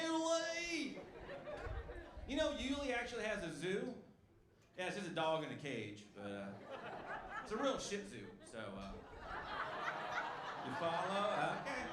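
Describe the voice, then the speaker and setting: A male stand-up comedian doing a punchy, wry set, talking to the crowd from a club stage on a handheld mic. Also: high voice. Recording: echoey club with loud crowd noise.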